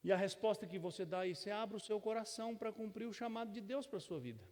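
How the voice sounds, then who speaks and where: High-voiced Brazilian pastor preaching in reverb. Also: male voice, lively intonation, fast talker, a little mellow. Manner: conversational, folksy sermon with humor and frequent tag questions. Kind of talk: sermon. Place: church sanctuary. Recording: long church reverb.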